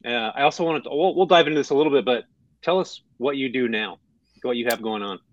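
A man's voice: medium pitch, fast talker, no echo, muffled recording. A man hosting a podcast, greeting and joking with his guest in a friendly way. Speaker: podcast host. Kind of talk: casual interview.

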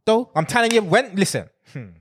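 A man's voice: high voice, big pitch swings, brisk. A man bantering casually and insistently in street slang, repeating himself as he makes his point.

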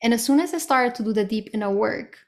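Talking fast in a slightly high voice, a woman in her thirties hosts a solo podcast of personal reflection. She keeps it candid and casual, drops an occasional swear, and repeatedly uses "like" and "right?".

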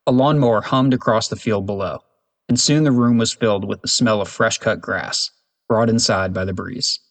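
A man reads a children's chapter book aloud in a low, steady voice. His narration is even and unhurried, in the manner of a storybook reading.

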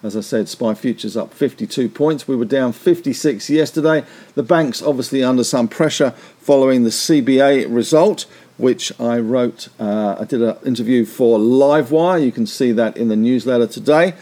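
A man hosting a market podcast, delivering rapid market news with figures in a chatty, wry way. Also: mid-range voice, warm tone.

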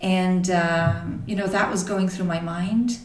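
A woman in her forties from Belgium tells her story in a thoughtful, halting way, with pauses and restarts. Her voice sits a touch low. The sound is roomy and echoing, as if she is a little way from the mic. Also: steady tone, distant mic. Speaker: interview guest. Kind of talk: reflective personal storytelling.

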